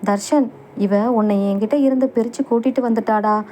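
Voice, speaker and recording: A woman's voice: a little high, steady tone, normal speed, dark tone, a little hiss or hum, lightly acted. A woman voicing a drunken, shabby man of about fifty who taunts his estranged family, in a storybook reading. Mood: sneering. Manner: sneering, taunting.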